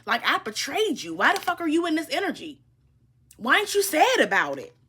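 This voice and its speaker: A woman's voice: high-pitched, wildly swooping pitch, a little fast, sharp tone, voice pushed up, full character voice. A woman voicing a scornful former enemy, sneering and incredulous. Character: scornful former enemies, mocking and bitter.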